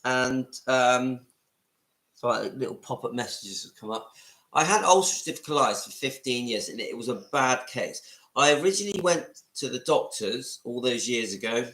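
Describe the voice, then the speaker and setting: Bright-voiced West Country man, fifties. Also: medium pitch, expressive, moderate pace, reverberant, rough recording. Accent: West Country English. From Southwest England. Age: 50s. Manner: chatty, rambling, greets commenters by name. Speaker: livestream vlogger. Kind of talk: casual live chat to viewers. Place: room at home.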